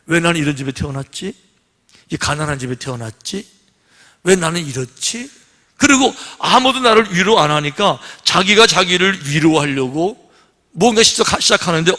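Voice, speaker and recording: Male pastor, sermon, bright tense voice, lively storytelling delivery, long church-hall reverb. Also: sits high. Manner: conversational preaching, rhetorical questions, acts out children's voices. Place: church sanctuary.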